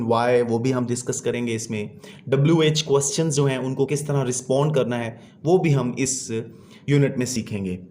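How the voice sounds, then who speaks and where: A man teaching a children's English lesson online, explaining in Urdu and reading English sentences out slowly. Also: medium pitch, darkish tone, slight background noise.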